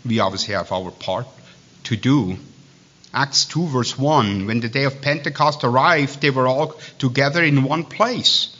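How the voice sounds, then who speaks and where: A Swiss man preaches, reading from scripture and then breaking into hesitant, rambling asides where he keeps restarting. His medium-pitched voice is bright and forceful, captured with dull lo-fi sound.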